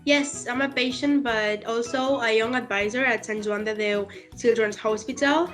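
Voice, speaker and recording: Young woman, bright high voice. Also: steady tone, normal speed, soft background music. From Spain. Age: young adult. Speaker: young patient advisor. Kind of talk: recorded video introduction.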